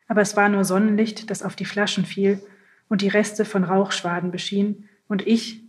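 A woman reads first-person literary prose aloud at a calm, measured pace. Her pitch sits in a middle range and barely moves, which gives the narration a steady, even, almost flat feel. It sounds like a scripted audiobook reading.

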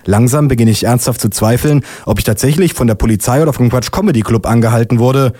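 A man performs a sardonic spoken-word story in a dry, deadpan way. His tone is mellow and unforced. The sound is dry and close, with no room around it. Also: mid-range voice, fast, no echo. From Leipzig. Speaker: poetry slammer.

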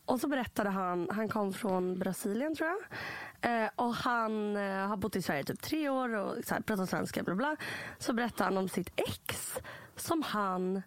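A woman's voice: medium pitch, no echo. A woman co-hosting a podcast, telling a story in casual chat with lots of fillers and acted-out quotes. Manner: animated anecdote-telling, quotes people with "bara", lots of fillers. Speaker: podcast host.

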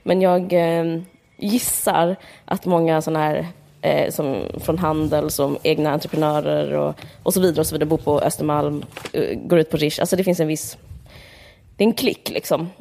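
A woman with a fairly low voice chats about a book. She rambles loosely with lots of filler words. Her remarks are blunt and a little mocking. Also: fairly even intonation, gravelly, dark tone. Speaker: podcast co-host discussing a book. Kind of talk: casual chat.

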